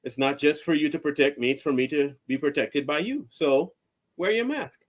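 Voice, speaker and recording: Animated laughing man telling stories. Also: fairly high pitch, normal speed. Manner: animated storyteller, laughs often. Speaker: podcast host. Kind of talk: casual chat.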